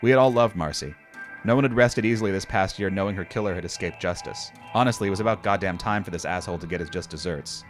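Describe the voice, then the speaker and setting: An older man gives wry, profane horror story narration. His voice sits deep and low. Faint eerie music plays underneath. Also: fast.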